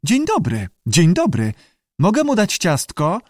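Brief: male narrator doing a high, croaking salamander, childlike and eager, repeating everything it hears, audiobook. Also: huge pitch swings, a little slow, darkish tone, dry recording, clean studio sound, full character voice. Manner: parrots human phrases eagerly. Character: croaking talking salamander, curious, childlike mimic.

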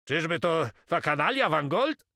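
A man voicing an excitable, hot-tempered male pirate who fires off loud questions. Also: mid-range voice, moderate pace, breathy edge, no room sound, studio quality, voice pushed up. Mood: alarmed.

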